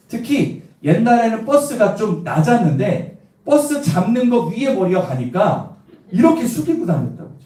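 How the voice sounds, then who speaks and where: A middle-aged pastor, preaching and telling humorous personal stories while quizzing his congregation. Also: sits high. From Cheongju, South Korea. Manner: lively, asks the congregation questions, tells personal stories with humor. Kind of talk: evangelistic sermon. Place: church sanctuary. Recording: echoey church sanctuary from a distance.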